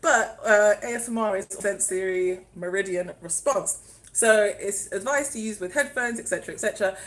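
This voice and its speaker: A young woman, a spiritual vlogger, chats casually on a live stream in a mid-range voice at a moderate pace, rambling and answering viewer comments as they arrive. The audio quality is poor.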